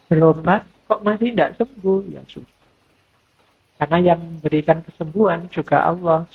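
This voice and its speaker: Middle-aged guy preaching at a mosque, gravelly husky voice, kinda high, thin phone-like sound. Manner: relaxed conversational preaching, acts out quoted voices. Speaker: lecturer on philosophy and Sufism. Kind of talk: mosque study lecture. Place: mosque lecture hall.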